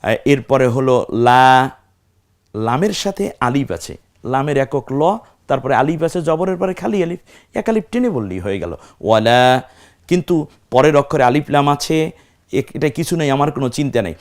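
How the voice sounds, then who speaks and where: A man's voice: mid-range voice, sing-song, normal speed, pauses often. Man, teacher, patient recitation lesson, stretched vowels, questions to the class. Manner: spells out letters and stretches vowels to demonstrate; asks the class questions and answers them himself.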